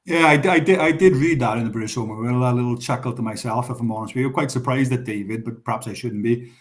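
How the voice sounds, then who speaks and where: A man's voice: medium pitch, quick pace. A man with a Welsh accent, a guest in a live Q&A, explaining at length with frequent restarts. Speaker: guest on a pigeon racing show. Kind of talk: live Q&A discussion.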